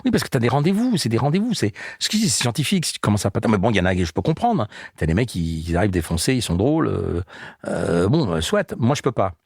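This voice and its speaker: A man in his sixties, a comedian and guest, telling animated anecdotes in casual chat and acting out the people he quotes. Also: fairly low pitch, quick pace, slightly rough, no echo, studio quality. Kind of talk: casual storytelling.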